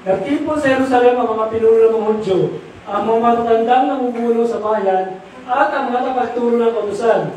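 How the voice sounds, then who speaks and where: A man's voice: very high voice, brisk, darkish tone. A middle-aged or older man preaching a sermon, mixing English into his talk and asking the audience questions. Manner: mixes English into Tagalog, asks the audience rhetorical questions. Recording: echoey room from far off, faint noise.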